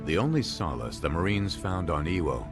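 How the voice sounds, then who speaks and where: Man, documentary narration, very deep voice, lively pitch, grave, music behind. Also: normal speed. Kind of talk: scripted narration.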